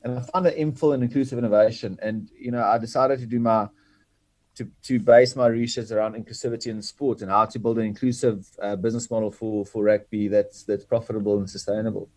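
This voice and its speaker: Male interview guest, native Afrikaans speaker with Afrikaans South African accent; dark, relaxed tone, close dry sound, earnest, hesitant delivery. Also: fairly low pitch, fast, no echo. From Bloemfontein, South Africa. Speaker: guest, sports franchise chief executive. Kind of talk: reflective interview talk.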